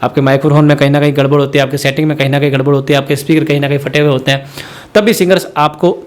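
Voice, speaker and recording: A man from India, a musician, gives a rapid-fire spoken tutorial on setting up sound equipment. His voice is a little high and flat, and he rambles while addressing viewers directly as friends.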